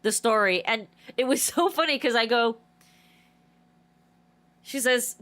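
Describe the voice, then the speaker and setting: Slightly slow and on the high side, a female streamer chats casually with her livestream audience. She rambles through a story in an animated way with frequent restarts, sounding nasal and stuffy from a blocked nose.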